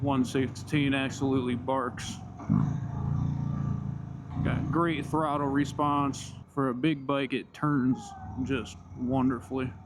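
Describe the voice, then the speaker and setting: Man vlogging over loud motorcycle noise. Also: mid-range voice, flat delivery, slow pace. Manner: laid-back slangy enthusiasm; talking while riding a motorcycle. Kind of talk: casual riding commentary. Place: outdoors on a moving motorcycle. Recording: loud engine and riding noise.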